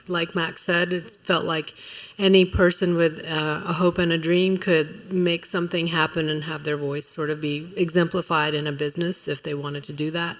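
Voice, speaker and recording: A woman's voice: on the low side, poor audio. A woman speaking on a food panel at a public event, reflective and earnest, with fillers. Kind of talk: panel talk. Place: museum event hall.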